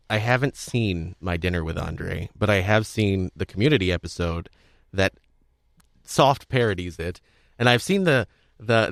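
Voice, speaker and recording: Hosting a casual podcast interview about audio drama, a man with a fairly low voice rambles and halts, repeating words mid-thought as he works through an idea. The recording is very dry, with no room sound at all.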